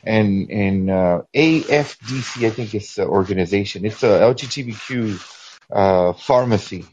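A man calling in to a talk show over the phone, talking in a rambling, halting way with many restarts. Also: lowish voice, darkish tone. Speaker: caller. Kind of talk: call-in chat. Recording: dull phone line with faint noise.

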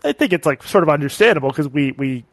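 A man's voice: fairly high pitch, animated, quick pace, no echo, rough recording. A male podcast host taking calls, talking casually and thoughtfully, often trailing off with fillers. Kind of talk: casual call-in chat.

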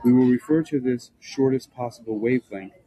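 A man reading a nonfiction book aloud in a measured, formal, scholarly way, with a husky, rough-edged voice. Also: mid-range voice, mellow, dry recording, rough recording. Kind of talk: scripted narration, reading aloud.

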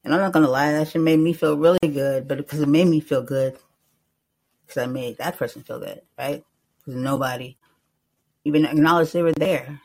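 A man's voice: fairly high pitch, fairly even intonation, moderate pace, creaky, darkish tone, poor audio. A young man hosting a live call-in podcast, talking loosely and rambling, with a lot of filler words and some swearing. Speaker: host.

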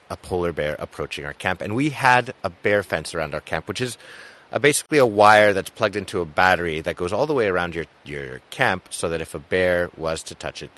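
Low-voiced man telling lively stories. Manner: animated, with loud excited bursts and trailing quiet endings. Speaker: podcast host. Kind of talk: casual anecdotal storytelling.

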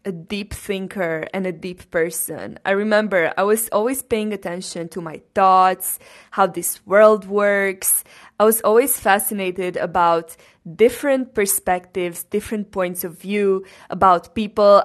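Young woman, from Romania, podcast host, slow measured delivery, earnest personal monologue. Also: medium pitch. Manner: earnest, grateful, unhurried.

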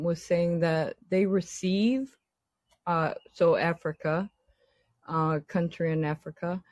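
A woman's voice: fairly low pitch, darkish tone, no echo. A woman chatting casually in an exasperated, sweary ramble, her S sounds lisped and slurred, lips over toothless gums. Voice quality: lisping, slurred S sounds from missing teeth. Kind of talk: casual chat.

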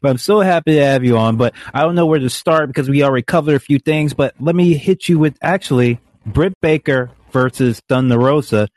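A man's voice: medium pitch, a little fast, few pauses, a little mellow, no room sound. A man hosting a wrestling call-in podcast, talking casually and enthusiastically to his panel and laughing often. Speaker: podcast host.

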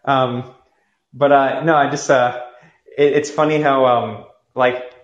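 The host of a call-in podcast, a young man, takes his time, his medium-pitched voice fairly even as he muses aloud with frequent fillers and false starts. The dull audio has a roomy echo.

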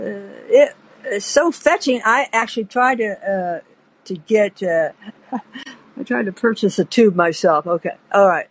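An older woman hosts a podcast, spinning long, digressive anecdotes in a chatty way and stopping to laugh. Her voice is mid-range and husky, and the recording is low quality.

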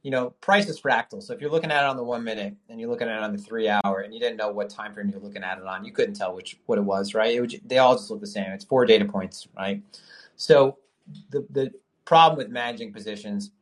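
A man's voice: fairly low pitch, fast talker. A man hosting a live call-in podcast with casual trading talk, who rambles with lots of fillers and restarts, swears casually and has the hiccups. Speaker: podcast host.

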